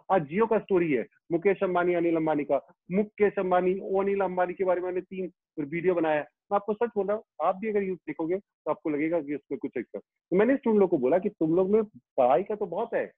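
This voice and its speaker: A middle-aged man, a teacher, talks emphatically in an interview and circles back to his key phrases again and again. His voice sits on the high side. The recording is tinny and phone-like, with no room sound at all. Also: no echo. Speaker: teacher of students and YouTube educator. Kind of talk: animated interview talk. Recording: tinny phone-like line, dry.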